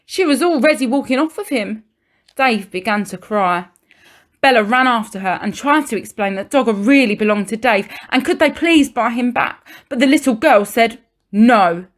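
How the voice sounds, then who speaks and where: Animated and fairly high-pitched, a woman reads aloud from a children's storybook like a primary teacher. She adds deliberate pauses and emphasis, reading expressively for young listeners.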